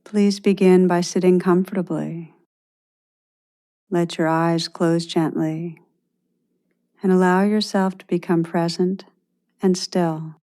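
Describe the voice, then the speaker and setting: Guiding listeners through meditation, a woman keeps her voice calm and level in pitch. Her tone is mellow and relaxed, and she talks very slowly and softly, pausing at length.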